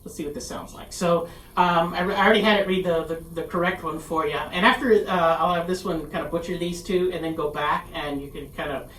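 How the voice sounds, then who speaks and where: A halting, casual presenter talks through a conference session, self-deprecating and loose. The voice sits at a middling pitch and comes from a distance, picked up across a roomy, echoing space with a faint hiss underneath. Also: steady tone, fairly bright tone. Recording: echoey room, distant mic, faint noise.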